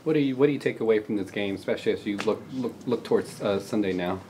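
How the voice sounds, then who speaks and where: A man, a reporter, asking questions in a halting way with many fillers. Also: lowish voice, darkish tone, slight background noise. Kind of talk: press conference questions.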